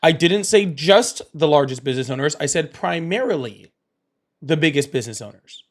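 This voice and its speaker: A man's voice: fairly high pitch, animated, moderate pace. A man hosting a live call-in stream, talking casually and challenging callers on their exact wording. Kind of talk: casual live political debate.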